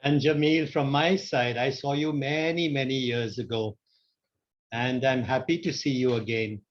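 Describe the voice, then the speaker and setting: A man's voice: mid-range voice, fairly even intonation, unhurried. A man giving a short, earnest welcome over a video call. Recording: dull lo-fi call audio.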